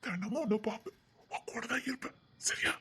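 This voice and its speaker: A woman voicing the loving ghost of an old grandfather in a cartoon, speaking softly and reassuringly. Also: a little high, a little fast, breathy edge, voice pushed down. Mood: tender. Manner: soft, tender, reassuring.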